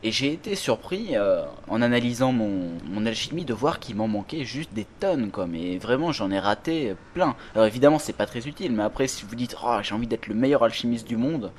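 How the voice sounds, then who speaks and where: A man hosts a relaxed gaming podcast in a medium-pitched voice. He talks in a chatty, rambling way, full of fillers and restarts. There is a faint hiss of noise behind him. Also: a little fast, few pauses. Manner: chatty, many fillers and self-corrections. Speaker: podcast host. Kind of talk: casual gaming podcast chat.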